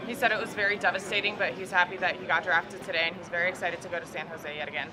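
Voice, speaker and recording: A man working as a live interpreter at a media scrum, briskly relaying a player's answers in the third person. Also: high-pitched, fairly even intonation, a crowd in the background. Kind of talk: live consecutive interpreting between Russian and English. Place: media scrum at a draft event.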